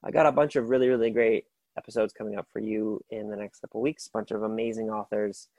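Talking quickly in a low, darkish voice with little pitch movement, a man hosts a book recommendation podcast by himself. He's keen and rambling, full of fillers and false starts, and the recording is dry.

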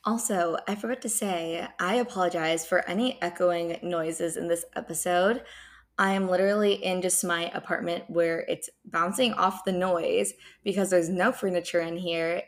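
A woman's voice: on the low side, gravelly. A young woman hosting a podcast, giving casual moving advice in a chatty, earnest way from an empty apartment, her voice echoing off bare walls. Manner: chatty, earnest, repeats herself. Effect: echo bouncing off bare walls. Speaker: podcast host.

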